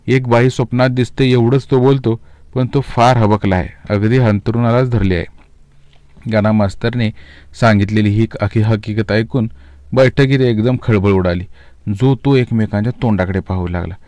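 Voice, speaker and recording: A man's voice: mid-range voice, normal speed, a little mellow, no echo. A man telling a Marathi short story aloud, narrating and voicing village characters in rustic dialect.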